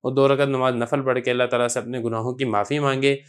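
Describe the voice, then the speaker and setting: A man with a Pakistani Urdu accent giving a calm, steady religious lesson as a teacher. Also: mid-range voice, fast talker, smooth.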